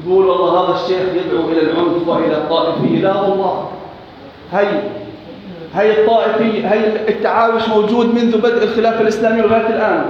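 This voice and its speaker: A man's voice: high-pitched, a little hiss or hum. A man preaching a sermon in a Levantine Arabic accent, impassioned and emphatic, repeating phrases and swearing oaths to drive his points home. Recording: echoey hall, dull lo-fi recording.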